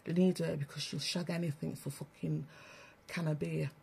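Blunt, gravelly woman ranting. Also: sits low, little pitch movement, normal speed, a little mellow, a little hiss or hum. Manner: blunt, swearing, preachy, addresses listeners as family. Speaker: spiritual broadcaster. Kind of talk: ranting livestream monologue.

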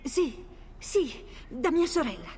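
A woman's voice: high voice, sing-song, slow, a little mellow, full character voice. An actress playing a distressed, deferential servant woman with an anxious, urgent manner in a Renaissance video game. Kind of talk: dramatic video game acting. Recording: echoey hall, noisy background.

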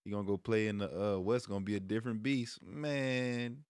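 His voice is fairly low, darkish, clear and resonant, holding a steady tone at a normal speed. An American streamer and sports vlog host in his thirties, he chats about sports to camera in a relaxed, slangy manner from a small room at home, headset on and a stand mic close. The recording is dry and studio quality.

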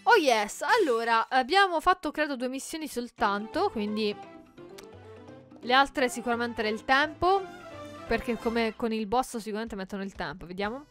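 High bright-voiced woman doing game commentary, jokey, yelps when she's losing. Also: moderate pace, faint music behind. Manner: chatty, jokey, shrieks in panic during fights. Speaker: gaming YouTuber. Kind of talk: let's play commentary.

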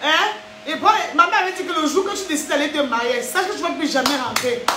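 A woman's voice: high voice, quick pace, reverberant, background noise. A young woman chatting animatedly in a vlog, often tossing in "hein?". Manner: animated, acts out scenes, frequent "hein?". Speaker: vlogger. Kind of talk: casual chat monologue.

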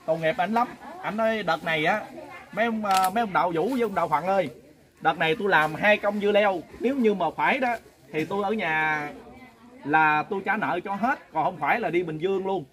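Southern Vietnamese male lay preacher, high voice, folksy earnest storytelling to a pilgrim group. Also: a little fast, a bit bright. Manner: folksy, earnest, keeps addressing listeners directly.

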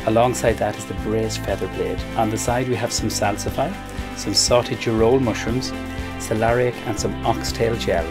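A man's voice: on the low side, fairly even intonation, normal speed. A man with an Irish accent, a chef proprietor, talking through his dishes and hosting diners in a chatty, upbeat way. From Ireland. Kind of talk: documentary voice-over and hosting. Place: restaurant kitchen and dining room. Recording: roomy, with music behind.

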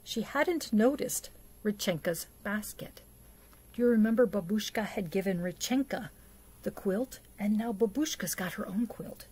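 This church children's program storyteller is a middle-aged woman whose medium-pitched voice has a slight roughness. She reads and discusses a picture book for little ones deliberately and expressively, posing questions to listeners and using dramatic hushes and emphasis. The setting is a small indoor space with a plain backdrop.

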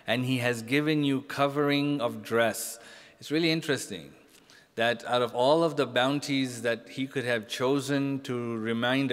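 A middle-aged man delivers a sermon in a relaxed, conversational way, often turning to the listeners for agreement. His voice sits at a medium pitch. It rings out with a long reverb, as if in a large hall. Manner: casual, talks directly to the audience with frequent "right?" and "you know?". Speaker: sheikh giving a religious lecture. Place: mosque hall, indoors.

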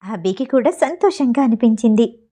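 A woman reading a novel aloud as a storyteller, with a steady, even delivery. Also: fairly high pitch, normal speed. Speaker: audiobook narrator.

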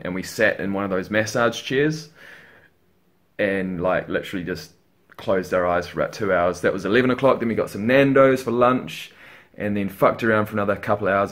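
A young man with a somewhat low voice talks casually and tiredly into a webcam at home. He rambles loosely and swears offhandedly, like a regular fitness vlogger catching his viewers up. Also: brisk, a bit bright. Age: young adult. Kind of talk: casual vlog chat. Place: bedroom at home, indoors.

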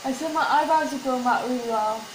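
Crowd noise and poor audio surround a young woman whose voice sits high and moves fairly quickly. Filming herself on a handheld phone at arm's length, she chats in a rambling, giggly vlog style, indoors in a small flat and later on a windy street.

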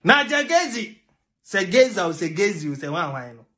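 Speaking from a small room with a television at his back, this young man has a Ghanaian accent and a high, pushed, bright voice that's very animated at a moderate pace. His political commentary to camera is emphatic, blends English with Twi, and breaks into laughter mid-rant.

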